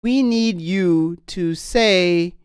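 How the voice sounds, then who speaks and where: A man voicing a smooth-talking male game studio representative who pitches a sponsorship deal, with a salesy, persuasive delivery full of fillers. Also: extremely slow, dry recording. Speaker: podcast co-host.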